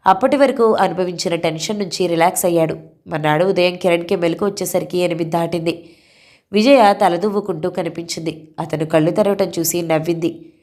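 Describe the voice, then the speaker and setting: Brief: female audiobook narrator, steady storyteller, even delivery. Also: lowish voice, a little fast. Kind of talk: novel reading.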